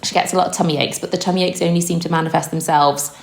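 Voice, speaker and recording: A woman, chatting and joking on a parenting podcast. Her voice sits a little low and she keeps breaking into laughter. The room around her is roomy and echoey. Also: steady tone, racing. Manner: chatty, self-mocking, laughs often. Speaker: podcast host. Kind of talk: casual comedic chat.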